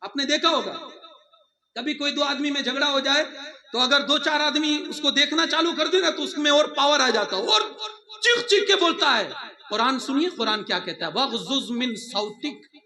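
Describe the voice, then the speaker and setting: A man from India giving a lively sermon to students, mixing laughing asides with raised, emphatic lines. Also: very high voice. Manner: animated preaching with laughing asides, raising his voice for emphasis. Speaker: religious teacher.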